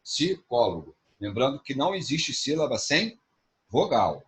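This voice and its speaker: A man's voice: mid-range voice, animated, normal speed. A man with a Brazilian Portuguese accent, teaching a class and explaining each point with frequent tag questions. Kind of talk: online class lecture.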